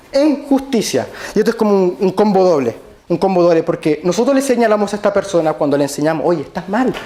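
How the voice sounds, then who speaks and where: A man's voice: high voice, darkish tone. Emphatic man preaching a sermon. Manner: emphatic, repeats key phrases; addresses the congregation directly.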